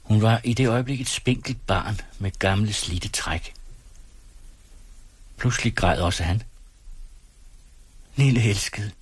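Dyb mandestemme læser lydbog, rolig og afmålt, lidt hæs. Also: male voice, on the low side, pauses often, slightly rough, dry recording. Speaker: audiobook narrator. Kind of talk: scripted narration.

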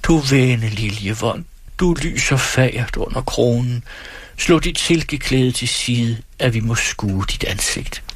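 A man voicing a crowd of poor, awestruck border peasants in a read-aloud story, calling out excitedly in wonder. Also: mid-range voice, gravelly, husky. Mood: jubilant.

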